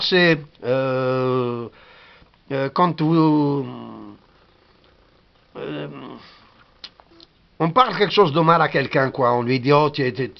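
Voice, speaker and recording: A man's voice: on the high side, muffled recording. A man whose first language is Kabyle gives a patient spoken lesson, repeating each word and sounding it out. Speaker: language teacher.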